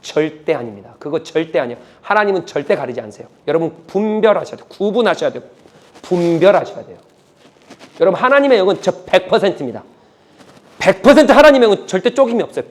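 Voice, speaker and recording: A male pastor preaching a sermon, emphatic and repetitive, dropping from loud urging to a hush. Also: high voice, very animated, fast talker. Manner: emphatic, repetitive, swings between loud and hushed.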